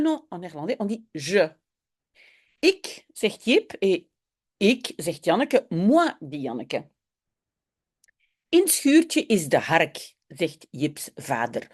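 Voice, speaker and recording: Woman, Belgian French accent, teacher, patient step-by-step explanation, unhurried delivery, animated pitch. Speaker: language teacher. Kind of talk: explaining a Dutch reading to French speakers.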